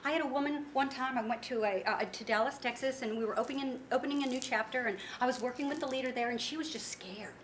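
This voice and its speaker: A woman with a high, bright voice gives a motivational talk and tells her stories with lively acted-out quotes. Her voice rings through a roomy, echoing event space. A faint hum of background noise sits behind her. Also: fast talker, hardly any pauses. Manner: animated storytelling with acted-out quotes. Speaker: speaker and founder of a women's business network.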